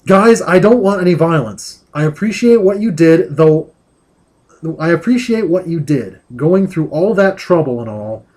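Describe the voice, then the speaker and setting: A man voicing a determined young demon woman who speaks calmly but insistently. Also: on the high side, moderate pace.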